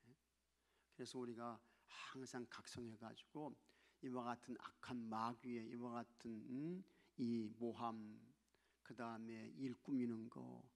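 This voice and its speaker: A man's voice: medium pitch, level tone, measured pace, vocal fry. A male pastor preaching a sermon to his congregation, exhorting them and often dropping to a near-whisper for emphasis. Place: church sanctuary.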